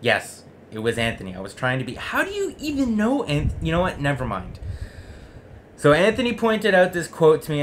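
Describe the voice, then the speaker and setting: A young sports vlog host, speaking from a small home room with jerseys on the wall, delivers conversational commentary in an earnest, mid-pitched voice, debating with himself as he makes his point. Some room noise is audible around him.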